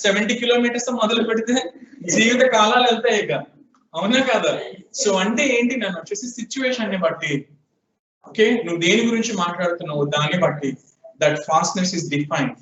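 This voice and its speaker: High-voiced Telugu-accented male teacher, quizzing students in class, echoey room, mic set far off. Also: brisk, a bit bright. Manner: questioning students, prompting answers. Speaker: programming teacher. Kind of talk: classroom lecture mixing Telugu and English. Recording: echoey room, distant, dull lo-fi sound.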